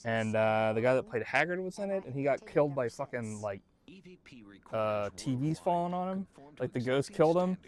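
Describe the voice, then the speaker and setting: A man's voice: mid-range voice, animated, normal speed. Casual joking man doing reaction commentary. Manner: profane, jokey, acts out mock quotes. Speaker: host reviewing an old TV show.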